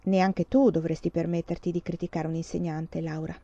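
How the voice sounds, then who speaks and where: A woman voicing a gentle, patient mother who speaks softly, almost in a whisper. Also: medium pitch, brisk, dry recording, close to an everyday voice. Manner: soft, gentle, near whisper. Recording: slightly dull, dry recording.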